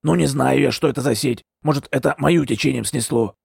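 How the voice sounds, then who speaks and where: A male narrator voicing a surly, evasive river poacher who grumbles and snaps back in a rough, raspy voice. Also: mid-range voice, fairly quick, a little mellow, dry recording, studio quality, full character voice. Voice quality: gravelly, raspy. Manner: grumbling, snapping back defensively.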